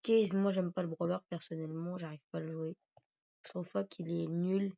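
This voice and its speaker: A gaming YouTuber with a cold offers casual gameplay commentary, his voice gravelly, stuffy and sore-throated yet high-pitched, warm and steady at a moderate pace. He rambles and hesitates, and the recording is dull and lo-fi.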